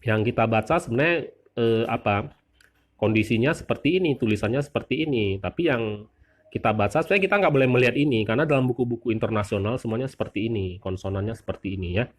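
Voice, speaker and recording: A middle-aged man, teaching at a patient, unhurried pace. He spells out sounds one by one, repeats them slowly and corrects himself as he goes, in a voice of ordinary middle pitch. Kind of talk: online lesson on Mandarin pronunciation.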